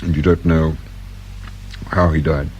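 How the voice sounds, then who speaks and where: An actor in a naturalistic British radio drama plays a distraught English father whose boy has been kidnapped, conveying subdued grief. His voice is rumbling, low and a little mellow, delivered flatly and a bit slowly. The low-quality recording carries background noise and room ambience.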